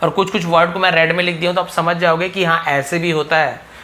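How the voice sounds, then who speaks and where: A young man teaches English phonics in a spoken lesson at a board, with a voice pitched a little high. He stretches out and repeats each vowel sound to show how it should be pronounced. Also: level tone, sharp tone. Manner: drawn-out phonics demonstrations, addresses viewers as sir-style students.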